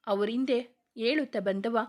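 A woman narrating a romantic story as a storyteller in a calm, even reading voice. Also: a little high, normal speed.

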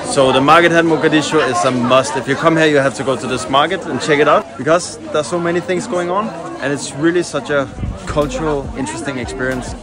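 Talking fast in a slightly high voice over a noisy crowd, this thirtysomething travel vlogger walks a busy outdoor market and says hello to people along the way, cheerful and talkative. His handheld action camera sits at arm's length, with background music running under his speech.

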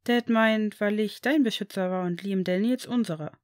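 A woman voicing a cheerful, protective young boy in a storybook reading, bright and chatty. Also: medium pitch, normal speed, no echo, studio quality, close to an everyday voice.

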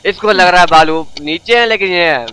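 A man giving excited let's-play commentary, coaxing and yelling at his game character, his throat dry from shouting. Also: high-pitched, moderate pace, poor audio. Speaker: gaming video host.

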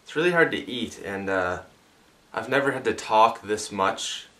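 A man's voice: lowish voice, animated, moderate pace, fairly bright tone. A young man vlogging casually with a sore mouth after wisdom teeth removal. He talks with his mouth held half closed and has a slight lisp. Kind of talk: casual rambling vlog talk.

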